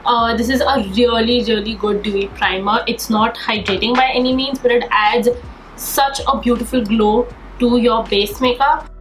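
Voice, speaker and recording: A young beauty vlogger with a slightly high voice and fairly even intonation talks at a moderate pace, sounding a bit nasal from a cold. She chats enthusiastically through a casual get-ready-with-me makeup tutorial, recorded in an echoey room with faint background noise.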